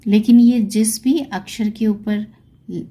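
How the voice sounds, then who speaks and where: A woman gives a Sanskrit lesson in a slow, unhurried voice with a dark, mellow tone. She sounds each word out carefully and asks little questions before answering them herself. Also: mid-range voice, fairly even intonation. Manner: slow, patient, sounds out words syllable by syllable. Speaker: Sanskrit teacher. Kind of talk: spoken pronunciation lesson.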